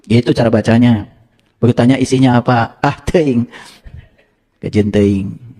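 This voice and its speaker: A man's voice: mid-range voice, steady tone, moderate pace, warm tone. A man giving an interactive religious lecture, teasing and quizzing his audience. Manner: playful, quizzes and teases the audience, switches into local phrases. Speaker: religious teacher.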